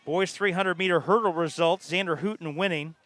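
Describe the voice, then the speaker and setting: A man giving live sports commentary on a track meet, measured and informative, pausing between facts. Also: high voice, fairly bright tone.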